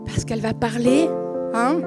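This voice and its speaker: Woman host introducing a guest speaker, high voice, music under her. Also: a little slow. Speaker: event host. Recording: music playing behind.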